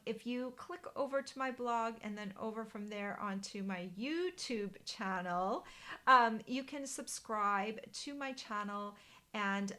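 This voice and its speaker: A middle-aged woman whose first language is German hosts a casual papercraft live stream from a bright living room, chatting to viewers. She speaks at a medium pitch, with many ums and restarts.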